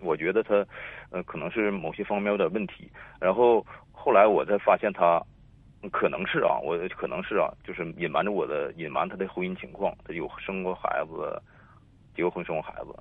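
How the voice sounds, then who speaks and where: Husky low-voiced man on a tinny phone line. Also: no echo. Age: 30s. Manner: rambling, repeats himself. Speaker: caller. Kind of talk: phone-in call telling a personal story.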